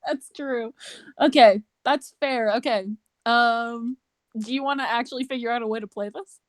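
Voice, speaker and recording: A woman narrating as game master in a relaxed, hesitant way. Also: a little high, moderate pace, no room sound. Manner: relaxed, hesitant, often laughing.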